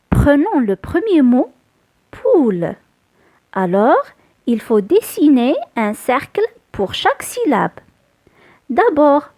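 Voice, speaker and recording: Woman, high lively voice, slow patient lesson for small children. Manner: patient, sing-song, addresses small children. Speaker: kindergarten teacher.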